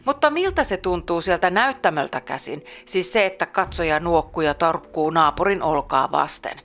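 Female presenter, lowish voice, playful scripted read over soft music. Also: expressive. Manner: playful, teasing. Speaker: program presenter. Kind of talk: scripted narration.

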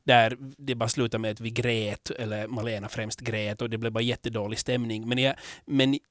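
A man hosting a podcast in casual chat, candid and rambling, with many restarts, growing animated when telling stories. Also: medium pitch, dry recording, studio quality. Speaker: podcast host.

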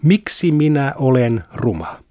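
A man's voice: medium pitch, big pitch swings, warm tone, dry recording, clean studio sound, close to an everyday voice. A man reading as an upset young girl.

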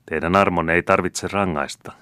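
A man's voice: sits low, fairly even intonation, pushed and bright, smooth, dry recording, clean studio sound. A man reading aloud plays a stern, secretive estate steward, speaking in a grim, firm tone.

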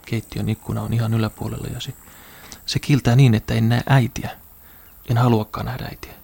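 Man voicing a lonely child, flat and gravelly. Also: medium pitch. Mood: dreamy. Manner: quiet, flat, dreamy first-person telling. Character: lonely child hiding from an unhappy mother. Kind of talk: radio drama monologue.

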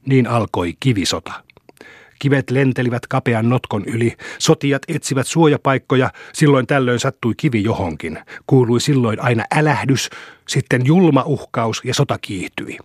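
Husky male audiobook narrator. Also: mid-range voice, dry recording, clean studio sound. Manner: steady storybook reading. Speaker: audiobook reader. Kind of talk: scripted narration.

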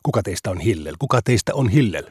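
A man's voice: lowish voice, animated, darkish tone, breathy edge, no room sound, studio quality. A man voicing a pushy, mocking man who keeps pestering a sage in a read-aloud story. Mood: goading. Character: pushy, mocking young male provoker.

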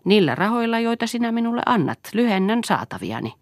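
Kiivas ja suorapuheinen nuori nainen, jonka lukijanainen esittää tiuskii ja tinkii terävällä äänellä. Sävelkorkeus heittelee voimakkaasti ylös ja alas. Äänitys on kuiva ja lähellä. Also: female voice, fairly high pitch, sing-song, no room sound, clean studio sound, pitched above the performer's own voice. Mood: haggling. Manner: sharp, scolding and haggling. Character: fiery, blunt young woman, a former housemaid. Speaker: audiobook reader. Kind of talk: novel reading.

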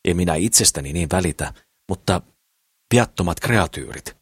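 Man doing a creaky preachy old dwarf. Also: deep voice, animated, dry recording, studio quality. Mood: lecturing. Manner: lecturing, earnest. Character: crippled dwarf craftsman, idealistic and preachy.

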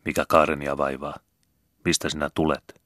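A man voicing a gentle, kindly male vicar who speaks softly. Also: a bass voice, level tone, dry recording, studio quality. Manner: soft and gentle.

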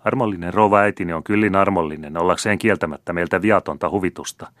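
A man's voice: low voice, fairly even intonation, a bit bright, dry recording, clean studio sound. Man voicing a haughty young count. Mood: careless, haughty. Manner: haughty, mocking. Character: arrogant, scornful young male count.

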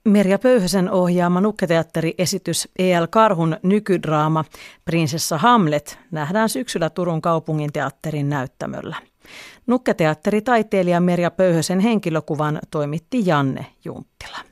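A culture reporter reading scripted news narration in a measured way. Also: mid-range voice, no room sound, studio quality.

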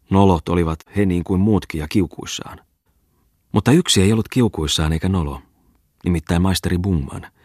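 A man reading a novel aloud as audiobook narrator, in a calm, measured way. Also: sits low, husky, dry recording, clean studio sound. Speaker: audiobook reader. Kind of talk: scripted narration.

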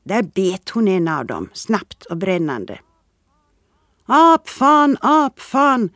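A reader giving calm, measured scripted narration of a literary story. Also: medium pitch, breathy edge, no echo, clean studio sound. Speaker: audiobook reader.

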